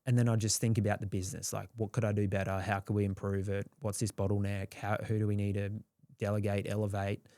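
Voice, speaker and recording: A man's voice: on the low side, flat delivery, fast, mellow, no echo. A young Australian man telling his story in a candid, rambling way, swearing freely and acting out quotes. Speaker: guest.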